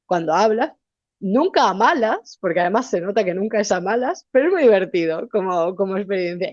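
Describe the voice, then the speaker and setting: This interview guest is a young woman from Spain whose Valencian accent comes through as she chats animatedly and restarts often in casual conversation. Her mid-range voice is heard in lo-fi sound without any room sound.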